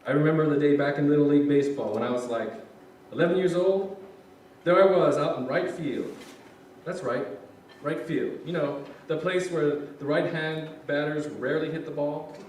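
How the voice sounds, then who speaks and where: Man as joking middle-aged son, highish, echoey. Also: moderate pace, a little mellow, natural voice. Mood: grumbling, joking. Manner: casual, colloquial, wry. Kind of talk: staged reading of a stage play. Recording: echoey hall, distant mic, faint noise.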